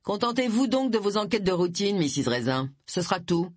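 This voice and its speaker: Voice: medium pitch, very animated, fairly quick, dry recording. A narrator voicing a stern male police inspector who gives curt, commanding orders. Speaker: detective chief inspector.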